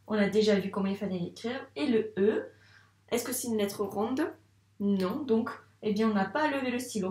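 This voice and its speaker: A woman teaching a first-grade handwriting lesson, speaking slowly and patiently and encouraging the child directly. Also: medium pitch, a little mellow, reverberant, far from the mic.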